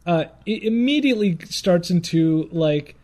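A man's voice: high-pitched, lively intonation, measured pace, darkish tone. A man co-hosting a podcast in casual banter, reading aloud and ranting with mock exasperation. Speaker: podcast co-host.

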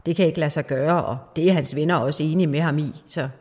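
A woman retelling an old ballad in an informal, lively way, with dramatic asides and humor. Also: sits low. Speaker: speaker explaining a folk ballad. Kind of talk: informal storytelling lecture. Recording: long hall reverb.

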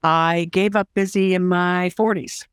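A woman in her sixties, a social worker and counselor, talking as an interview guest in an enthusiastic, expressive way. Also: on the low side, unhurried, clear, resonant tone, no echo, studio quality. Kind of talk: casual conversation.

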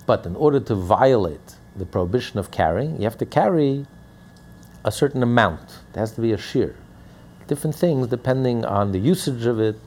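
Gravelly-voiced man teaching a Torah lesson. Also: mid-range voice, expressive, moderate pace, a little mellow, a little hiss or hum. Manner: emphatic, repeats key phrases. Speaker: rabbi teaching.

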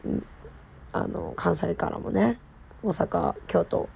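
A woman's voice: on the low side, slow, creaky, mellow, slight background noise. A woman with a slightly stuffed-up, nasal voice, chatting casually and playfully to listeners as an idol host. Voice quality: nasal from a cold. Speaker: idol group member hosting her solo talk show. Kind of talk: casual solo chat to listeners.

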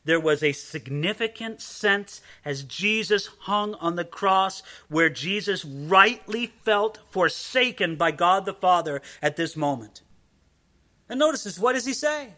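A man preaching with a high, bright voice. He delivers an emphatic expository sermon, repeating phrases and slowing to stress key words. His tone stays sharp and forward throughout. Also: animated. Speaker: pastor.

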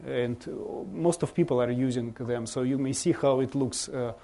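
A man from Russia with a Russian accent gives an informal slideshow talk as a visiting bishop, speaking halting non-native English and searching for words. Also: mid-range voice, warm tone. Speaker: bishop giving a guest presentation.

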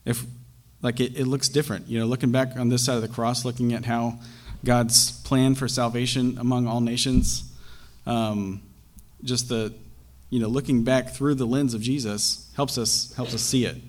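Young man, preacher, sermon, halting delivery, lots of fillers, mid-pitched voice. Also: level tone. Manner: halting, with many fillers and restarts.

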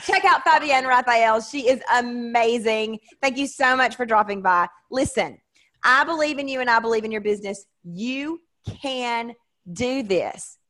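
A woman hosting a casual interview, effusive in her talk and quick to joke about herself. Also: fairly high pitch, fairly bright tone. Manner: effusive, self-joking. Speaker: show host.

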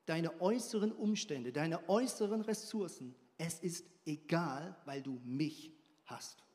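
High-voiced preacher in a reverberant hall. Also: male voice, measured pace. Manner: lively, dramatic reading with playful asides. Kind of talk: sermon with Bible reading. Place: church hall.

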